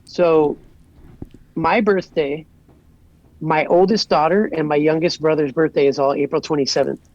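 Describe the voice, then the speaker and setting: A man's voice: on the high side, fairly even intonation, normal speed, a little mellow, no echo, highs cut off. A man in his forties from Southern California, a guest chatting casually and rambling easily with lots of "like". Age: 40s. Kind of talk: casual podcast chat.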